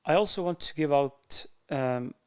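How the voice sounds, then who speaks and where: A man with an Estonian accent, a podcaster, talks casually to camera in a candid, unhurried way, often pausing to find his words. His voice is smooth and on the high side.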